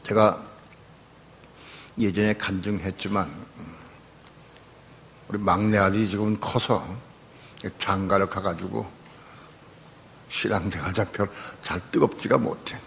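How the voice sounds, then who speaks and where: An older man, a pastor, preaching a sermon and telling a personal testimony, moving from quiet storytelling to loud, pleading prayer. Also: lowish voice, fairly even intonation, measured pace, vocal fry, long pauses, slight background noise.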